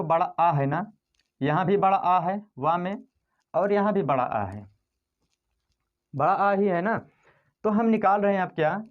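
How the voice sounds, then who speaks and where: Slow-paced male teacher quizzing students. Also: sits high, highs cut off. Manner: asks students questions and answers them himself; repetitive, step-by-step explaining. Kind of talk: classroom-style grammar lesson.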